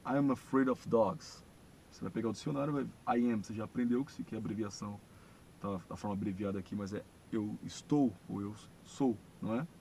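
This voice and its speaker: A gravelly, dark-toned Brazilian man gives a community English lesson on video. He explains patiently in Portuguese, slowing down to say each English phrase clearly. A faint low rumble sits under his voice. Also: poor audio. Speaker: English teacher. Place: church classroom.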